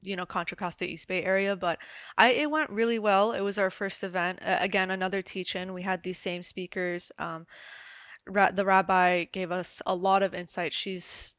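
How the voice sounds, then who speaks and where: A young adult woman from the United States, a community organizer speaking as a radio guest, earnest and halting with fillers. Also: medium pitch, steady tone, a bit bright, no room sound, studio quality. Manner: earnest, with frequent fillers and restarts. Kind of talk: radio interview.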